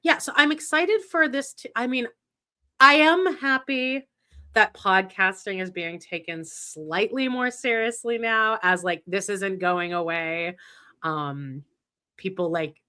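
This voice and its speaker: A woman co-hosts a podcast of casual pop-culture chat, rambling enthusiastically with heavy use of "like" and frequent restarts. Her medium-pitched voice is slow, bright, and forceful, with a clean tone.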